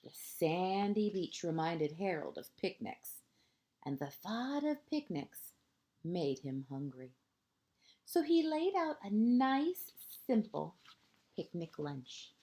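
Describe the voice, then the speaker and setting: Reading a children's storybook aloud in a fairly low voice, a woman takes on the style of a kindergarten teacher. Her delivery is deliberate and expressive, with dramatic pauses and emphasis aimed at young listeners.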